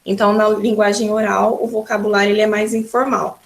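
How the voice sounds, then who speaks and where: Gravelly-voiced Brazilian woman teaching. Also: mid-range voice, level tone, a little fast. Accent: Brazilian Portuguese. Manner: patient explaining, often starts with "então". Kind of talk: recorded school lesson.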